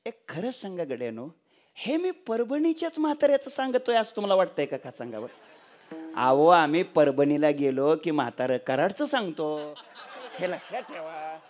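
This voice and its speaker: High-pitched man preaching a comic kirtan. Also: normal speed. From Maharashtra. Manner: humorous, teasing rhetorical questions to the audience; animated, acts out the characters in his story. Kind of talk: kirtan sermon with comic storytelling.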